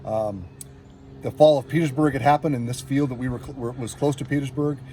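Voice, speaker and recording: This American from California tells a loose, wandering story about metal detecting, playing out what people said to each other. He speaks a little fast in a warm, mid-range voice with fairly even intonation, and there's slight background noise.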